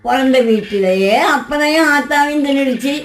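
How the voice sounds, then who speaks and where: An actress plays a sharp-tongued old grandmother in a period film drama, her voice fairly high and mocking. She gives bossy orders and jeers at others' plans. The sound rings in an echoey room with soft film music behind. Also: moderate pace, lightly acted. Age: older.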